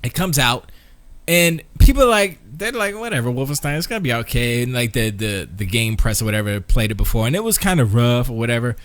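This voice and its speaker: Slangy trash-talking man, lively pitch. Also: a little fast. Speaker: stream co-host. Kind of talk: casual gaming chat.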